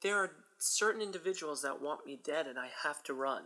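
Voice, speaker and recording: A man's voice: fairly high pitch, animated, a little fast, pushed and bright, rough recording. A man playing a paranoid escaped male mental patient in an amateur radio drama, stammering and rambling. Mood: frantic. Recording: music playing underneath.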